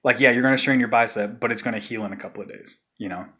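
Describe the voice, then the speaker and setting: Talking at a racing clip in a medium pitch, a man rambles through a casual vocal tutorial full of fillers and sighs used as demonstrations. The highs in the audio are cut off.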